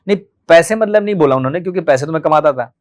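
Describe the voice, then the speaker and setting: A martial arts practitioner from Delhi, India, a man in his thirties, tells his life story as a podcast guest. His voice is a little high and he races along, candid and animated, acting out the dialogue he remembers.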